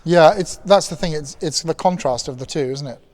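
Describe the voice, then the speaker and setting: A man's voice: on the high side, a little fast, a little mellow. A man co-hosting a casual perfume chat, playful and emphatic with jokes. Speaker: co-host reviewing perfumes.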